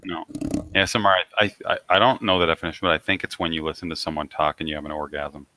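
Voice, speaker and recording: A man's voice: extremely low pitch, fairly even intonation, quick pace, bright, forceful tone, a little hiss or hum, poor audio. A man co-hosting a casual podcast chat, joking and rambling with hesitant restarts. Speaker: podcast co-host.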